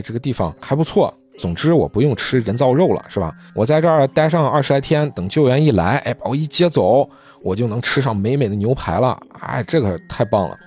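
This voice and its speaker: A man's voice: medium pitch, darkish tone, slightly rough. A man hosting a podcast, casually retelling a manga story and briefly voicing the characters, with faint music behind.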